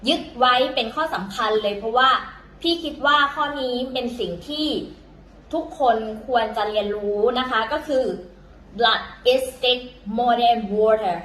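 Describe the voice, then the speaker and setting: A woman's voice: on the high side, normal speed, pushed and bright, roomy sound, poor audio. A woman teaching in a casual, chatty way, full of fillers and self-corrections, talking to viewers as younger siblings. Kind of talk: casual vlog-style lesson.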